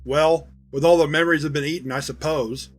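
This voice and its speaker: A man's voice: fairly high pitch, fairly even intonation, a little fast, faint music behind, close to an everyday voice. A man voicing a skeptical, hesitant male security agent in a dramatized audio log. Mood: doubtful.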